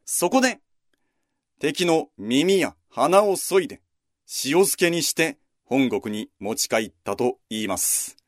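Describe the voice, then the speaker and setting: A man narrates a historical walking tour in a scripted yet chatty style and adds casual asides along the way. His voice sits a little high and swings widely in pitch. The recording is dry and close. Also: slow pace, no room sound. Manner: lively, conversational storytelling with asides.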